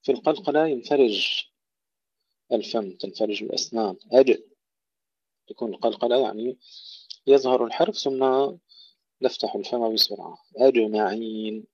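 A man teaching Quran recitation, who recites phrases slowly and loudly and then explains each rule in a plain teaching voice. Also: mid-range voice, slightly rough, no echo. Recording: dull, dry lo-fi recording.

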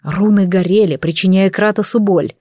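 A woman reading a fantasy novel aloud in the first person, with a steady, even delivery. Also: mid-range voice, moderate pace, dry recording, clean studio sound. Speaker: audiobook narrator. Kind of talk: first-person audiobook narration.

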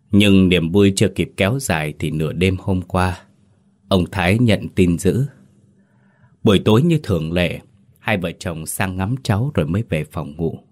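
A man hosting and narrating a scripted horror story in a steady, measured way. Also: low voice. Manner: steady, measured storytelling with hesitant asides in the intro. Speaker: host and narrator.

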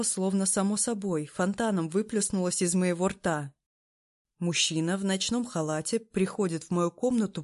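Woman, storybook narrator, first-person reading, calm, even delivery. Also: medium pitch.

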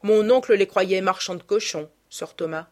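A woman's voice: mid-range voice, moderate pace, natural voice. A woman voicing a witty, cynical young aristocrat with a dry, ironic manner.

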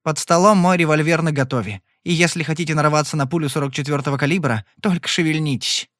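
A male narrator lightly acts a cocky young gambler with a smooth, mocking tongue in a storybook Western, staying cool and sarcastic under threat. The voice sits a touch high for a man, is fairly bright, and sounds dry and close with no echo. He talks fast.

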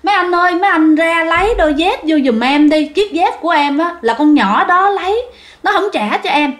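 A woman's voice: very high voice, lively intonation, normal speed, echoey room, voice pushed up. A woman voicing a terrified young male construction worker, crying out in pleading, shaky bursts. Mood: panicked. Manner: panicked, pleading, shaky cries.

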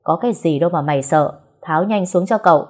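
A woman's voice: lowish voice, fast, a little mellow, close to an everyday voice. A woman voicing a commanding young master, the son of a rich house.

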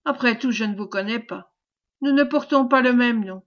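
A woman's voice: a little high, normal speed, dull audio, lightly acted. A woman doing a cold, smug oil merchant. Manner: cold, curt, condescending.

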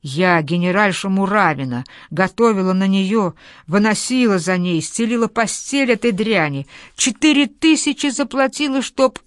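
A woman's voice: animated, normal speed, dry recording, clean studio sound, lightly acted. Woman reading as a raging general's wife. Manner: low booming voice, raging and scornful. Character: furious, domineering general's wife, middle-aged woman.

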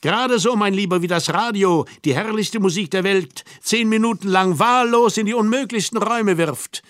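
Mocking know-it-all mozart ghost, a guy reading it out, kinda high voice, dry close sound. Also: normal speed, a bit bright, dry recording. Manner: scornful, lecturing, ironic. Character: mocking, all-knowing male spirit of Mozart.

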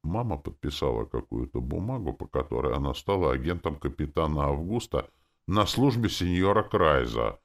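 A man's voice: a bass voice, very animated, moderate pace, exaggerated voice. A man reading an audiobook, voicing an emotional teenage girl who pleads and accuses sharply. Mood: anxious. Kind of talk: audiobook character voice.

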